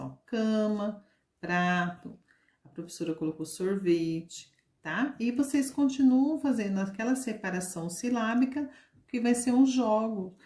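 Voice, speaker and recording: A woman teacher with a Brazilian Portuguese accent giving a slow, patient lesson to young children, stretching out words as she demonstrates them. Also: medium pitch, dark tone, echoey room.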